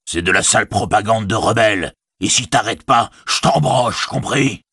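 A big, brutish male orc soldier menaces in a low, husky growl. A man reads him in an audiobook. The sound is dry and close. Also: normal speed, sharp tone, no echo, heavily acted. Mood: bullying.

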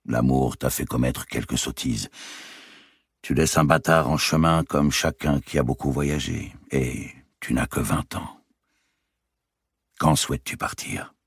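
A man voicing a calm, worldly-wise old banker uncle, speaking in a measured, unhurried way in an audiobook reading. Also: a bass voice, slightly rough, dry recording, studio quality, full character voice. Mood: fatherly.

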